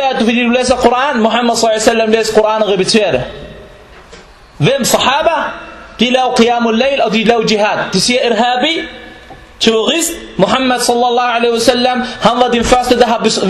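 A male preacher with a strikingly high voice delivers a religious lecture full of anecdotes. He tells them in an animated way and now and then raises his voice. The sound echoes around the room.

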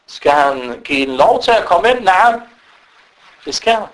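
A man giving an animated sermon as a preacher, breaking into recited Arabic quotations. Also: high voice, poor audio. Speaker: Islamic preacher.

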